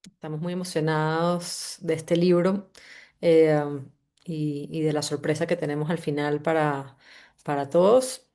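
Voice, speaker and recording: A woman's voice: deep voice, flat delivery, measured pace, warm tone. A woman from Venezuela with a Venezuelan accent hosts a live online book-summary session, talking in a welcoming, conversational way and often restarting her phrases. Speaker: host and company CEO.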